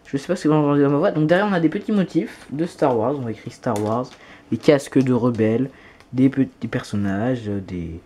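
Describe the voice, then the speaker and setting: A man's voice: medium pitch, animated, brisk, warm tone, slight background noise. A man filming an unboxing vlog at home, talking enthusiastically and gushing over each item. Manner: enthusiastic, gushing with frequent exclamations. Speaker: YouTuber.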